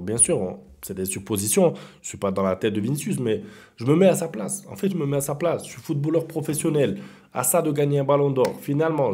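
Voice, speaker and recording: A young man giving a casual, animated monologue on football, arguing his point and speaking as if in a player's head. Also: medium pitch. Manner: animated, argumentative, role-plays the player's thoughts. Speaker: football commentator YouTuber.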